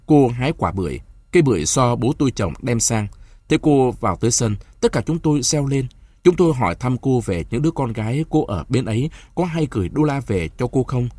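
A man reading a literary short story aloud in a calm, even narrating voice. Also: mid-range voice, no room sound.

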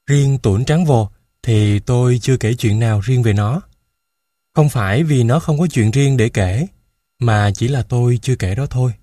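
A man reading a first-person children's story aloud in a steady, measured way into a close mic. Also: medium pitch, no echo. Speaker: audiobook narrator.

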